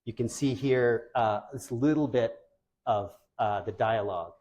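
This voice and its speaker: An eager male presenter talks with parents in a relaxed, conversational way, piling praise on whatever he shows them. His voice sits at a middle pitch, with loose, chatty phrasing throughout. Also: unhurried. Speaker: presenter for parents of deaf children. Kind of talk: informal presentation to families.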